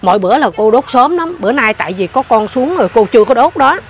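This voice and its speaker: An older woman, telling a ghost story in casual chat, animated and repetitive. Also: on the high side, quick pace, slight background noise. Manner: animated, repeats herself, points things out.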